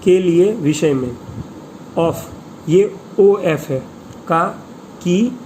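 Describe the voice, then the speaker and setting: Slow deliberate male teacher. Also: high-pitched, lively intonation, warm tone, slight background noise, poor audio. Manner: slow, deliberate, spells words letter by letter. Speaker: English teacher. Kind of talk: slow vocabulary lesson, reading word lists with Hindi meanings.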